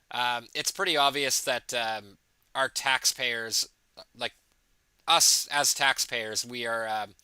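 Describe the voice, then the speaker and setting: Bright, crisp-voiced man. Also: medium pitch, dry recording. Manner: rambling, many fillers and restarts, reads out viewer comments. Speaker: livestream host. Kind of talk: casual live election commentary.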